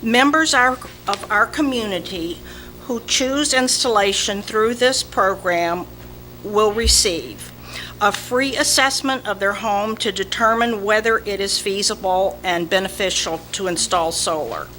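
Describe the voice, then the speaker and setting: A woman speaks in a slow Southern US drawl as she reads out a prepared community announcement. Her voice is bright and sits at an average pitch. Some background noise comes through in the meeting recording. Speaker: volunteer community representative at a village meeting. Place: indoor village board meeting. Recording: noisy public meeting room recording.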